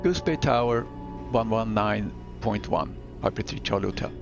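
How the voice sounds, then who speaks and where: A man's voice: fairly low pitch, moderate pace, gravelly. A man making pilot radio calls into a cockpit headset mic, in clipped radio phrasing with hesitant fillers. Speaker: flight simulator pilot. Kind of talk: pilot radio calls to air traffic control. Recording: dull muffled audio with music behind.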